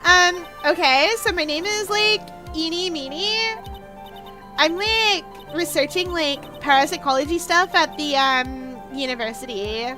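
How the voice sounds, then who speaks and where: A woman's voice: very high voice, measured pace, over music. A woman voicing a ditzy young university student in a video game, with a bubbly sorority-girl Valley Girl drawl full of filler words. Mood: vague, airy.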